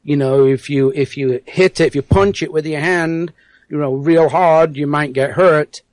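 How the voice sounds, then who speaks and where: The speaker, originally from South Yorkshire, carries an elusive English accent with American touches. His voice is slightly high and a little mellow, with fairly even intonation, moderate pace, and no echo. As an internet radio interview guest he speaks earnestly, often repeating words while searching for them.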